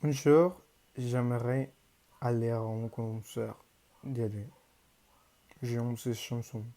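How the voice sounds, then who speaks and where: Reading a prepared class presentation with a learner's careful hesitation, this Mexican teenage boy speaks with a Mexican Spanish accent, Spanish being his native language. His voice is mid-range and mellow, with fairly even intonation.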